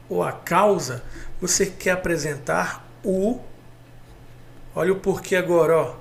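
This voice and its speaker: A man's voice: on the high side, creaky, slight background noise. A man with a Brazilian Portuguese accent teaching a grammar lesson on video, chatty and direct, calling out to viewers and pointing at examples. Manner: chatty, calls viewers "galera", points things out with "ó".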